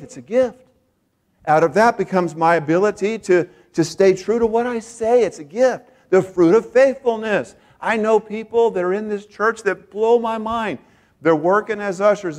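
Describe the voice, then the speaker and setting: An American man preaching a sermon as pastor, repeating phrases for emphasis and swinging from hushed asides to loud, excited peaks. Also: high voice.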